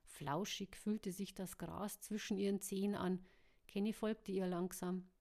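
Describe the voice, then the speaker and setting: Woman reading a story aloud, steady and even. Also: medium pitch, measured pace, vocal fry. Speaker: audiobook narrator. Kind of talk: storybook narration.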